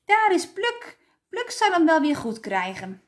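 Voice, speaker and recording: Woman voicing excitable little kids, shrill and shouty, slow read. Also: exaggerated voice. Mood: excited. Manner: shouting, high and eager.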